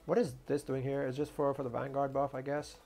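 A man streaming a strategy game, thinking aloud about his moves in low mutters with sudden excited outbursts. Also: faint music behind. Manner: mutters plans to himself, quick bursts of surprise. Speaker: gaming streamer. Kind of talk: gameplay commentary, thinking aloud.

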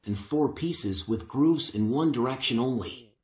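Calm older man explaining woodwork steps. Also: medium pitch, unhurried, echoey room. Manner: calm, patient, methodical explanation. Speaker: woodworking instructor. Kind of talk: step-by-step craft instruction. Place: indoor woodworking workshop. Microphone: lapel mic.

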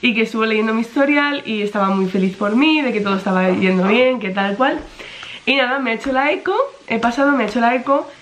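A woman's voice: a little high, fast talker, a little hiss or hum. A young pregnant woman chatting casually to camera, rambling with many fillers. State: pregnant, in some pain. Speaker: vlogger.

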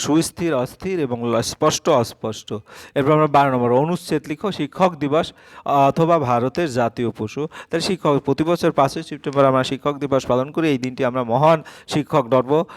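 A male teacher walks students through model exam answers in a mid-pitched voice. He moves briskly between questions but slows right down to read each English answer word by word. It is a plain, explaining tutorial delivery. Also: no echo. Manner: reads English answers slowly and syllable by syllable, quicker in Bengali.

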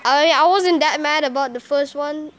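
A woman with a high voice gives live commentary over a mobile game she is playing. She reacts loudly to every move, cheering and groaning by turns. She talks in a casual, excitable way, as a channel host would with her viewers. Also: moderate pace, soft background music. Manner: excitable, exclaiming and groaning at each play.

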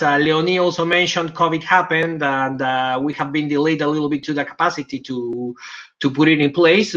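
A man's voice: a little high, bright, forceful tone. Hesitant man presenting over a video call. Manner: hesitant, many fillers. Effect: heard over a video call. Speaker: project presenter. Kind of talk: presentation on a webinar. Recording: dull lo-fi video call audio.

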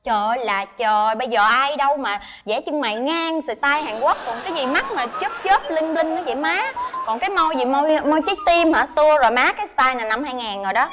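Flashy friend, mocking and bossy, rapid-fire delivery. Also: female voice, high-pitched, lively intonation, noisy background. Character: brash flashy woman mocking her plain friend. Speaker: actress in a TV drama.

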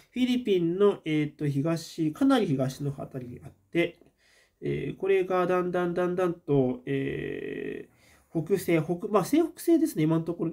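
A man chats through a relaxed livestream, reading viewer comments and musing aloud with plenty of fillers and pauses. His voice sits a little high for a man, with a mellow, soft tone. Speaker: host.

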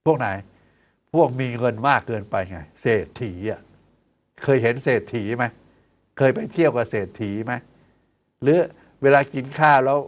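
A man's voice: mid-range voice, moderate pace, pauses often. Man, 60s, doctor-host; folksy health talk with a chatty, questioning delivery. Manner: chatty, lively asides, teasing rhetorical questions; counts out exercise steps aloud. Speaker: doctor hosting a health show.

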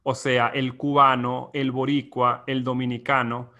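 Venezuelan guy hosting a chat, bright forceful tone, rambles thoughtfully w fillers. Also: medium pitch, level tone, unhurried, muffled recording. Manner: reflective, explains at length with many fillers. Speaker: podcast host. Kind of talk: casual chat.

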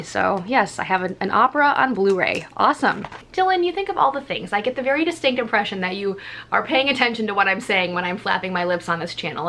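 Gushing excitable woman vlogger. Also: medium pitch. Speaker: vlogger opening fan mail. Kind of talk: casual vlog chat.

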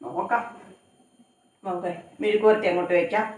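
A woman cooking at home and rambling to the camera, often tagging her sentences with little check-ins. She sits at a middle pitch for a woman. She sounds a step back from a phone mic in an echoey kitchen. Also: steady tone, moderate pace, darkish tone, a little hiss or hum. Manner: rambling, conversational, often adds tag questions. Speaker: cooking vlogger. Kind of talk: chatty home cooking vlog. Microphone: phone camera some distance away. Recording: echoey room, voice from far off.

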